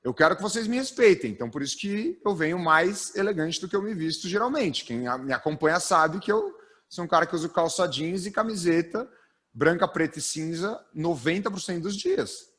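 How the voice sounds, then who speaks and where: Man in his thirties, workshop trainer on stage, rather high voice, very lively swinging intonation, energetic, tags lines with "tá?". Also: brisk, breathy edge. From Brazil. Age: 30s. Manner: energetic, tags sentences with a questioning "tá?". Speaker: storytelling trainer. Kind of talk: live workshop lecture. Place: stage of a live training event.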